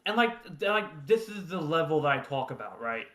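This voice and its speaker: A man co-hosting a casual sports talk show, restarting his sentences and leaning on fillers as he makes his points. His voice sits slightly high and carries a roomy echo. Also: big pitch swings, moderate pace, pushed and bright. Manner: stammering restarts, lots of "like" and "right?". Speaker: sports podcast co-host.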